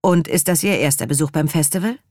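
A cheerful young man with a lively, questioning tone, teasing and friendly, as a woman reads him. The voice stays fairly low and the recording sounds close and dry, like a storybook reading. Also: fast, no room sound, close to an everyday voice.

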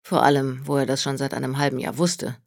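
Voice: medium pitch, little pitch movement, fairly quick, gravelly, no echo, clean studio sound, close to an everyday voice. A reader voicing a tired young woman with a sarcastic, teasing manner. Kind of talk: audiobook reading.

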